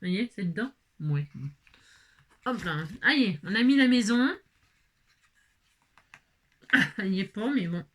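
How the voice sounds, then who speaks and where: A woman's voice: medium pitch, expressive, takes it slowly, long pauses. A woman vlogging casually as she assembles a craft kit, chatting to viewers, exclaiming and muttering to herself when pieces go wrong.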